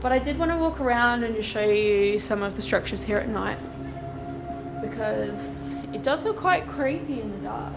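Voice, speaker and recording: A woman's voice: on the high side, lively intonation, moderate pace, vocal fry, music in the background, rough recording. A woman talking to camera as the host of a paranormal investigation vlog, moving between narration and casual chat. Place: outdoors at night on camp grounds.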